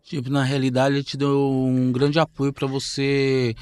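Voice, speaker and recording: A man's voice: mid-range voice, monotone, normal speed, a little mellow, clear, resonant tone. A man hosting a podcast, chatting in a friendly way with his guest. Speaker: podcast host. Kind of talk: casual interview chat.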